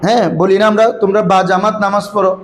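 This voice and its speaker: A man with a high voice leads an Arabic grammar lesson in call-and-response style, firing questions for students to repeat back. He is recorded in an echoey classroom. Faint noise sits behind him. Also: flat delivery, rapid-fire. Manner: prompts students to repeat answers, calls them "babara". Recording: echoey room with background noise.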